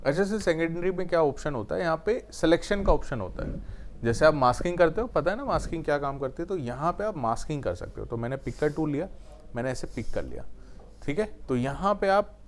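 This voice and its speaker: A man's voice: fairly high pitch, big pitch swings, brisk, slight background noise. Man walking through editing steps. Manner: explains step by step, often adds the tag question "है ना"; mixes English technical terms into Hindi. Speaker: video editing tutor. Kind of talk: screen-recorded software tutorial.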